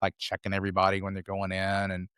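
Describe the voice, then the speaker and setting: In a casual interview, a low-voiced American man in his fifties rambles through loosely strung travel anecdotes as a podcast guest. He talks fast in a monotone, his tone a bit bright and smooth. The studio-quality audio carries no room sound.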